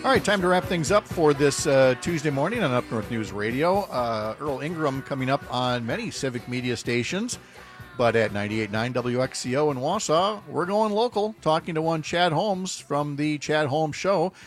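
A man's voice: fairly high pitch, lively intonation, moderate pace, over music. A man hosting a morning radio talk show, chatting casually and jokingly with many fillers and restarts.

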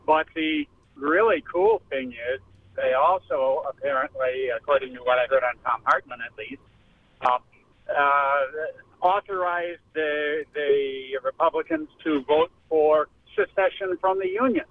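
A man's voice: fairly high pitch, measured pace, a little hiss or hum. A man calling in to a radio talk show, rambling with lots of fillers about political news. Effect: phone line. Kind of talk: call-in political comment. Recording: tinny distant phone line.

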